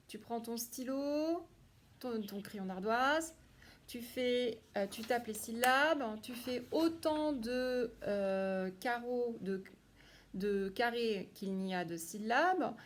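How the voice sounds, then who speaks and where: A woman, a primary school teacher, giving a phonics lesson to young children and praising each one by name. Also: a little high.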